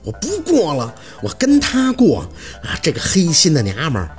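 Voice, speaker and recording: A man's voice: fairly high pitch, wildly swooping pitch, moderate pace, soft background music, pitched above the performer's own voice. Furious, ranting, a man playing a hot-tempered village man. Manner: shouting, ranting. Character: furious bellowing village husband.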